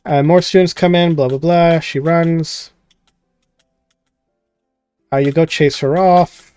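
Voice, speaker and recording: Slow and smooth, a slightly high, darkish male voice keeps a fairly even intonation, with no echo and soft music underneath. He's the host playing a visual novel, giving rambling, jokey, casual commentary while skimming the game text aloud with filler words.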